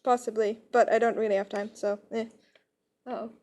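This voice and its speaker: A woman speaking at a conference, giving an informal, rushed lightning talk with a software demo. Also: on the high side, flat delivery.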